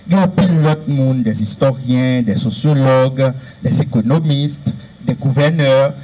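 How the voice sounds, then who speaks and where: A man's voice: mid-range voice, measured pace, dark tone, poor audio. A man with a Haitian Creole accent giving an earnest lecture-style talk, stressing his points through repeated lists. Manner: earnest, repetitive, emphatic listing. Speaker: speaker on Haitian history.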